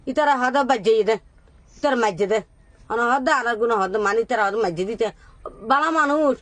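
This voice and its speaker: High-pitched, plaintive woman recounting her loss. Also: a bit bright. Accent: Chittagong, Bangladesh. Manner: repetitive, plaintive. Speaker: bereaved mother being interviewed. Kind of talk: unscripted personal testimony.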